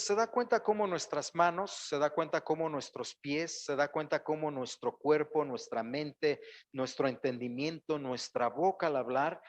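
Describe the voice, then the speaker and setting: Pastor preaching in church. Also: male voice, a little high. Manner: preaching with rising exclamations and acted-out quotes. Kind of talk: sermon. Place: church sanctuary.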